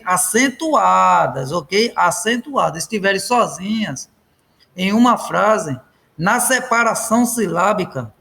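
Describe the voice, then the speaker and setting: A man's voice: high voice, gravelly, fairly bright tone. A man teaching a grammar lesson, repeating each point and checking in with his students. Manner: keeps checking in with "ok?" and "pessoal".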